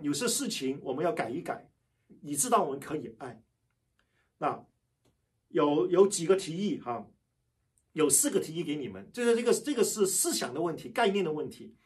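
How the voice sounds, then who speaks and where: A man preaching a sermon, telling personal stories and repeating key phrases with emphasis. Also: fairly high pitch. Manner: talks loud and fast by his own account.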